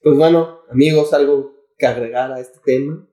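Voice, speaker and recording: A man with a Mexican accent hosts a casual comedy podcast, bantering in a slangy, profane, irreverent laddish way. His medium-pitched voice has a dark tone, fairly even intonation, and normal speed, recorded in an echoey room.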